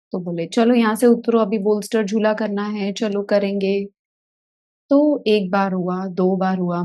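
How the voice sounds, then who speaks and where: Mellow-voiced woman therapist telling a story. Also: medium pitch. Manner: animated storyteller who acts out scenes. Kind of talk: casual video talk, telling a story from a workshop.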